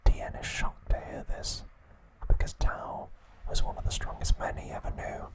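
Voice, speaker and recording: A male ASMR host whispers softly the whole time, never voicing his words. He reads from a script with a measured, soothing bedtime delivery.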